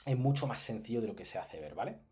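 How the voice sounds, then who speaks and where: A man's voice: fairly low pitch, expressive, fast, darkish tone. A man with a Spain Spanish accent giving a casual online language lesson, chatty and jokey, often checking in with the listeners. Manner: chatty, jokey and digressive, with frequent "¿vale?" check-ins. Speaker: Japanese teacher.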